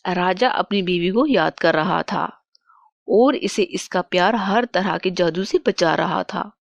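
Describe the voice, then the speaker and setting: Slow, dry woman storyteller. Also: on the low side, creaky, no echo. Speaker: narrator. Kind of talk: scripted storybook narration.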